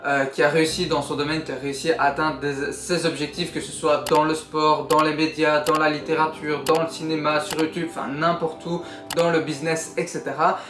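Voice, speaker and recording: A man's voice: on the high side, level tone, fairly quick, echoey room, over music. A young man summarizing a book in a casual vlog, earnest and encouraging as he speaks directly to the viewer. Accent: Belgian French. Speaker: YouTuber.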